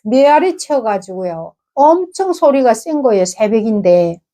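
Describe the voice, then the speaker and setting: A woman's voice: a little high, big pitch swings, a little slow, mellow. Woman, North Korean accent, casual personal storytelling, vivid sound words. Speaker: defector recounting her past.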